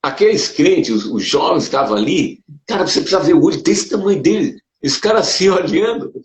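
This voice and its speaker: A man, a Brazilian pastor, telling his conversion story in a casual conversation, animated and emotional, with sudden leaps up in pitch. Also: a little fast. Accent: Brazilian Portuguese. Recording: dull roomy sound.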